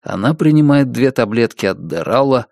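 Gravelly, steady male audiobook narrator. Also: mid-range voice, moderate pace, no room sound, studio quality. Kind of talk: scripted narration.

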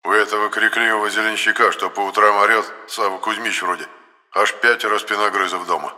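A man's voice: lowish voice, fairly even intonation, fairly quick, sharp tone, long reverb tail. A man voicing a blunt, crude male ghost skeleton in an audiobook. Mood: gruff. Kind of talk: audiobook character voice.

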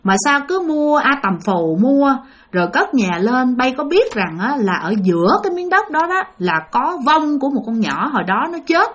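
A woman's voice: high voice, sing-song, normal speed. A woman voicing a bossy old ancestor spirit. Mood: scolding. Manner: blunt, bossy, scolding. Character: scolding old female ancestor spirit speaking through a medium.

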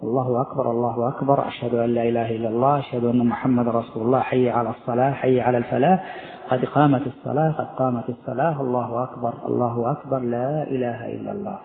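A man's voice: medium pitch, steady tone, rapid-fire, vocal fry. A middle-aged man teaching a religious text as sheikh, explaining and quizzing his students. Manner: explains, asks the class questions. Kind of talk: lesson commentary. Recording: tinny phone-like recording.

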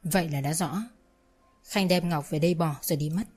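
Woman story narrator, lowish voice, steady plain read. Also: a little fast, husky.

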